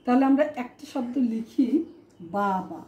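A woman's voice: a little high, lively intonation, unhurried, mellow, highs cut off, a little hiss or hum. A woman teacher giving a classroom lesson, asking her students rhetorical questions and spelling words out syllable by syllable. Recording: echoey room.

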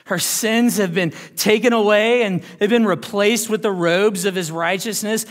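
In an echoing hall, a high-pitched male pastor delivers a sermon. He moves dramatically between near-whispers and loud, emphatic statements, posing rhetorical questions and checking in with the congregation.

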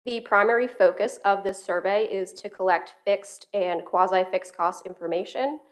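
A woman's voice: medium pitch, moderate pace. A woman economist giving a formal presentation at a council meeting, speaking steadily into a table microphone. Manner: steady, explanatory, occasional self-repeats.

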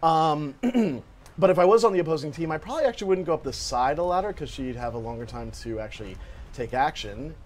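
A man's voice: on the high side, lively intonation, fast, darkish tone, a little hiss or hum. A man giving live stream commentary while demonstrating a game, chatty and joking as he narrates his own moves. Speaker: game demo presenter.

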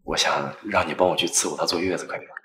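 A man's voice: sits low, fairly even intonation, very fast, sharp tone, echoey room, slight background noise. An actor playing a cold, scheming young husband who brushes off his wife and then coaxes her for favors, in a short web drama. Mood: coaxing. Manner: dismissive to his wife, coaxing when asking favors. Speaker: callous husband.

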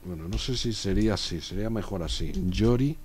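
Streaming a strategy game, a young Spanish-accented man from Spain talks fast in a deep voice, reading messages from his chat out loud and joking about them in a chatty way. Slight background noise can be heard.

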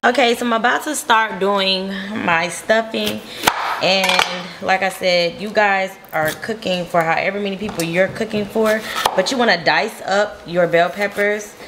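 A woman's voice: mid-range voice, fairly even intonation, unhurried. A young woman chatting casually as she walks viewers through a recipe in her home kitchen. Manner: chatty, explains each step to viewers. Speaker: cooking vlogger. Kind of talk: casual cooking demo. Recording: loud kitchen noise behind.

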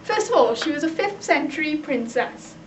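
A young adult woman with a South Wales Valleys accent presents an amateur explainer video in a high, lively voice at normal speed. She moves between a small computer room, a living room and shopping streets, picked up by a camcorder microphone a few feet away, with roomy echo and clear background noise.

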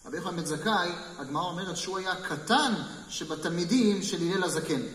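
A man, a rabbi, telling stories in a Torah class and asking the listeners questions as he goes. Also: high-pitched. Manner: lively storyteller, talks with listeners and asks them questions. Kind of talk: storytelling Torah lesson to a live group. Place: hall with a small live audience. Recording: echoey hall, mic far off, faint noise.

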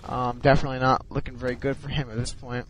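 The recording is rough, and this man's mid-range voice has little pitch movement while he talks fast. He's drowsy and yawning as he gives casual, halting commentary on a strategy game replay, with many ums and restarts.

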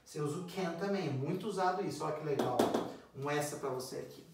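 A man's voice: fairly high pitch, fast, distant mic, heavy background noise. A man with a Brazilian accent teaching English, drilling phrases over and over and telling viewers to repeat after him. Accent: Brazilian Portuguese. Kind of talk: video English lesson in Portuguese. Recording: very echoey room, voice away from mic.

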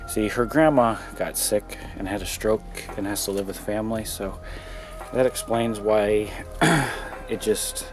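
Guy vlogging w handheld cam in a messy empty house, curious and chatty, faint music under it. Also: lowish voice. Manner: curious, upbeat, thinking aloud with fillers. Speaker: vlogger exploring and inspecting an old computer. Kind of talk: casual handheld vlog narration. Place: cluttered indoor rooms of an empty house. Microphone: handheld camera mic.

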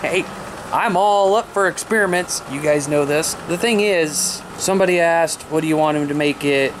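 An American vlog host in his thirties chats casually to the camera, laid-back and informal, in a slightly high male voice at normal speed. He's outdoors by a mobile home, later in a small indoor room. The handheld camera, held at arm's length, picks up clear outdoor noise.

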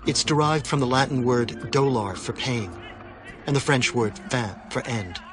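A man giving scripted documentary narration in a measured, explanatory way. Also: medium pitch. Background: music.

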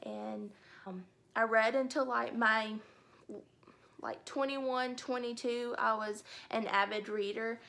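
A slightly high voice with fairly even intonation, a slow pace, and a sharp tone belongs to a book vlogger in her twenties from Alabama. She chats casually and enthusiastically to camera about herself, upbeat throughout, from an indoor room with bookshelves.

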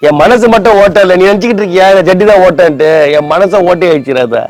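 A man's voice: high voice, fast talker, darkish tone. A man, sulking and complaining in a scripted comedy sketch as a husband. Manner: sulky, whiny complaining.

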